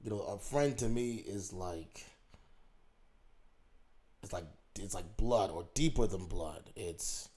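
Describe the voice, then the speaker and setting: Low and warm, his voice moves slowly with frequent pauses. In a casual YouTube commentary he muses aloud, throws rhetorical questions at the viewer, loops back over his points, and often restarts or repeats himself.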